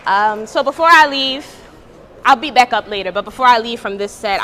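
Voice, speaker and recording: A woman poet giving a live spoken-word performance at an art gallery event, reciting in a measured, deliberate way. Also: a little high, sharp tone, a little hiss or hum.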